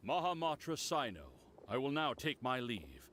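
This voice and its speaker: An actor playing a brisk, dutiful guard captain in a video game, with a formal, commanding manner. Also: male voice, medium pitch, big pitch swings, a bit bright, a little hiss or hum.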